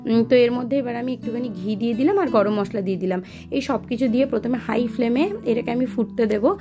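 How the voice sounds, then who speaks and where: A woman's voice: fairly high pitch, very fast, music in the background. A young woman from Kolkata, chatting casually as she explains her cooking step by step, with many small fillers. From Kolkata, West Bengal. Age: young adult. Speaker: vlogger and mother. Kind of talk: casual cooking and family vlog.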